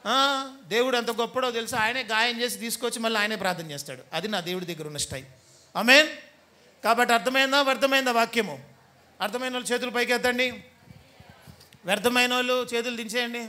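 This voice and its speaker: High, bright-voiced pastor preaching. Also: male voice, fast talker. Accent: Telugu. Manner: teasing, scolding preacher who mimics the people he talks about. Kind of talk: sermon.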